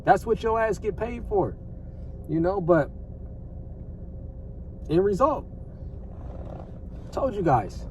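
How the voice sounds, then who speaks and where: This American man, whose voice runs slightly high, comments on the news in an improvised vlogger style that is animated yet slow, with frequent pauses. He repeats himself, swears freely and leans on slang, captured a little distantly amid faint background noise.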